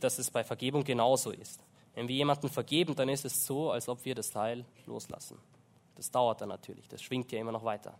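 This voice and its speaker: German guy preaching in church, earnest, lots of ums and restarts, slows right down when he prays. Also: mid-range voice. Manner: halting, with many fillers and restarts; earnest, slows down for emphasis in prayer. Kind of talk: sermon.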